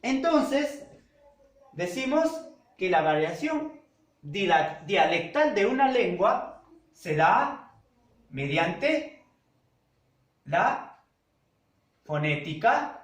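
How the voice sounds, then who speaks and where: A male teacher lectures his class in a high, lively voice, pausing often and repeating the key terms. He speaks slowly and keeps checking that the students follow. The sound is echoey, recorded in a classroom. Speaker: secondary school language teacher. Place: classroom with a whiteboard.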